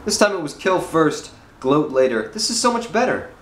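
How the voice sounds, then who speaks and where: A man's voice: on the high side, sing-song, moderate pace. An actor playing a smug male villain who mocks his beaten foe. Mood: gloating. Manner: mocking, self-satisfied. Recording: roomy with faint background noise.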